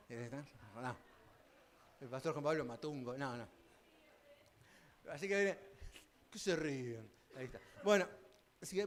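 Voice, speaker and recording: Argentine pastor preaching, voice swinging loud to hushed. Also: male voice, a little high. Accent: Argentine Spanish. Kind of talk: sermon. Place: church sanctuary.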